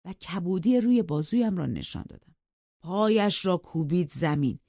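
A woman narrating an audiobook in an even, measured storytelling manner. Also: lowish voice, dry recording, lo-fi sound. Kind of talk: scripted narration.

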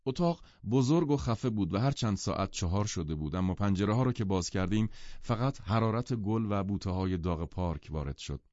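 A man narrating a novel as an audiobook, in a measured, even delivery. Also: low-pitched, no room sound. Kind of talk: audiobook reading. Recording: dull lo-fi audiobook sound.

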